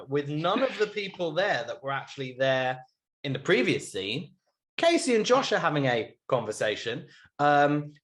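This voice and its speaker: A man with a slightly high voice that swings up and down, hosting a casual podcast. He talks in a giggly, teasing way. He sounds lively and animated throughout. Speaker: podcast host. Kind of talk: casual chat recapping a reality show.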